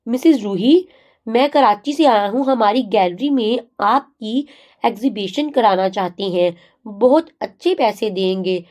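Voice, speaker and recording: A woman's voice: fairly high pitch, a little mellow, natural voice. Brief: a polite man with a business offer, plain delivery, read by a woman. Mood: businesslike.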